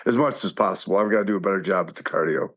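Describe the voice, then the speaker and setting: A man in his fifties, a measured and hesitant panel guest in a casual chat. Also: low-pitched, fairly bright tone. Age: 50s.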